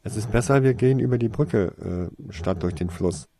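A man voicing a quick-tempered young witch girl who asks a lot of questions. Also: on the low side, warm tone. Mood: curious. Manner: tetchy, questioning.

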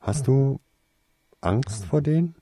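A man voicing a quick-tempered young witch girl who asks a lot of questions. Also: fairly low pitch, big pitch swings, dark tone, pitched above the performer's own voice. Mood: curious. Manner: tetchy, questioning.

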